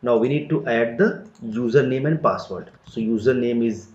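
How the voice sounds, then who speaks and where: A man giving a step-by-step screen-recorded software tutorial, explaining each click in a plain, methodical way. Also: medium pitch, moderate pace. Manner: step-by-step, plain explanatory delivery with frequent "so" and "let me". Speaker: tutorial instructor. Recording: roomy, dull lo-fi recording.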